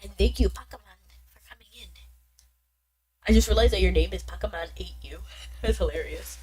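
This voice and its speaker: Faint game music runs under a young woman's casual stream chat. Her mid-range, husky voice is a bit stuffy since she's been sick, but she stays bubbly and chatty, with sudden flashes of excitement.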